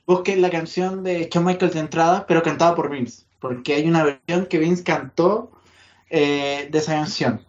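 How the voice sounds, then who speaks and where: A man's voice: on the high side, fairly even intonation, moderate pace. A man with a Chilean accent hosting a casual wrestling podcast, rambling and slangy with many fillers. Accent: Chilean Spanish. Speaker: podcast host. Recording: dull lo-fi sound.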